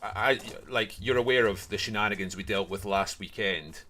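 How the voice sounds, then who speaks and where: Deep-voiced man chatting on stream. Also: normal speed, pushed and bright. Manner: rambling, chatty, self-correcting. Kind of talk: casual livestream chat while gaming.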